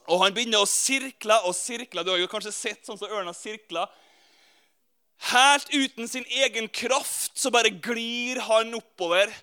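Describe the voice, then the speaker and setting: High, bright-voiced male preacher. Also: smooth. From Norway. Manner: lively, speaks directly to listeners. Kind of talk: sermon with storytelling.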